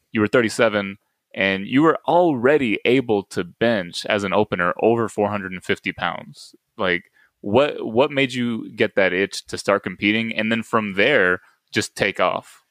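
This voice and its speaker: A man's voice: on the low side, normal speed, fairly bright tone, no room sound, studio quality. A man hosting a casual podcast interview, asking follow-up questions and giving brief backchannels. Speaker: podcast host.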